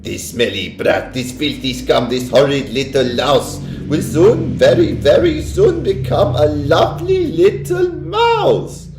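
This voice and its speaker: Bossy shrill witch lady that a man voices, big swoops, roomy sound. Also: wildly swooping pitch, slow pace, music in the background, full character voice. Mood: triumphant. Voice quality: shrill and theatrical. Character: shrieking, domineering female witch leader.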